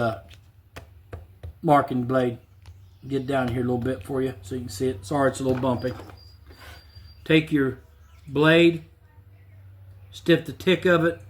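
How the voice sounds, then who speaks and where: A man's voice: mid-range voice, slight background noise. Plainspoken man in a woodshop. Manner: plainspoken, repeats himself, relaxed restarts. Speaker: woodworking channel host. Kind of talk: casual workshop demonstration. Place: home woodworking shop.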